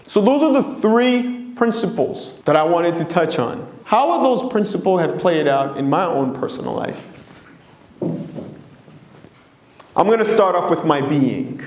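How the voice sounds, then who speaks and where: A man's voice: high-pitched, lively intonation, slow pace, a little mellow, reverberant, slight background noise. A man from Congo, giving an earnest, engaging presentation to an audience. He often checks in with them. His first languages are Swahili, Lingala and French. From Democratic Republic of Congo.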